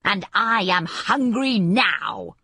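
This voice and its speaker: A woman voicing a cruel, bad-tempered young male wizard who shouts in slow, heavy outbursts. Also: on the high side, big pitch swings, slightly rough, no echo, studio quality, exaggerated voice. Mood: angry.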